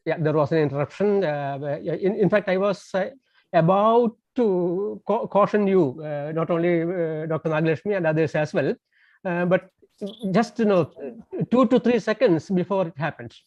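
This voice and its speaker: By landline phone, a guest lecturer who grew up speaking Tamil presents an online lecture hesitantly, with plenty of fillers and restarts. His high-sitting voice is a little mellow and moves at a moderate pace. The audio comes through dull and dry.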